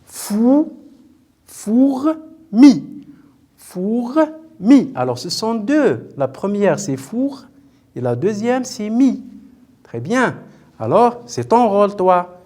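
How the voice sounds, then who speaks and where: On a TV lesson for primary pupils, a man speaks slowly in a high, sing-song, slightly mellow voice. He breaks words into syllables, asks the children questions, and praises them with patient repetition.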